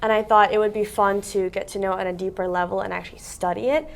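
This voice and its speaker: A woman's voice: mid-range voice, steady tone, quick pace, gravelly. A young woman from Russia, a content creator, chatting casually as a guest in an office interview, with lots of "like" fillers. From Siberia, Russia. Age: young adult. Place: office meeting room by large windows.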